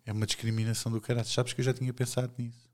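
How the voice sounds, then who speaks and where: A man's voice: mid-range voice, level tone, racing. Man, middle-aged, European Portuguese accent, podcast co-host, blunt, joking, casual swearing.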